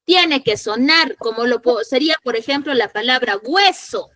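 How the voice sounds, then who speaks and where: Woman teacher, high and bright voice, patient, repeats herself, keeps checking the class understands. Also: expressive, normal speed, no room sound, poor audio. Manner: patient, repeats points and asks rhetorical check questions; voices imagined student objections. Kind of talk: classroom grammar lesson.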